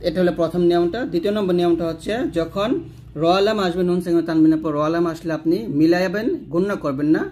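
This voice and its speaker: A man teaches tajweed. He explains each rule patiently, repeats the letter lists, and stretches the example words into slow chanted recitation. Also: high-pitched, fairly even intonation, warm tone, a little hiss or hum.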